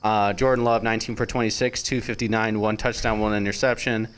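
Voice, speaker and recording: A young man co-hosting a sports podcast, chatting casually, joking and rambling with quick laughs. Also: fairly low pitch, level tone, smooth. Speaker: podcast co-host.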